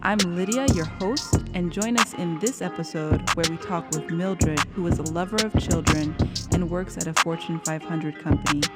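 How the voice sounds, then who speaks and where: A woman's voice: fairly low pitch, moderate pace, big-room sound, over loud music. A woman hosting a podcast, reading an introduction and then asking interview questions with encouraging replies. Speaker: podcast host.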